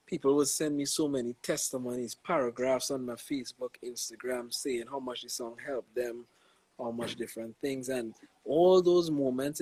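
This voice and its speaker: This young gospel artist speaks with a Trinidadian accent in a mid-range, husky, a little mellow voice, recorded at low quality with no room sound. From Trinidad and Tobago, he's laid-back, reflective and slangy in a casual live-stream interview, saying "you know" often.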